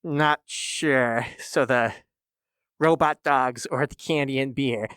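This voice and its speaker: A woman hosting a reaction video, musing aloud in a halting, wry way. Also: rumbling low, fairly bright tone, clear, resonant tone, no echo, clean studio sound. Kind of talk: casual reaction commentary.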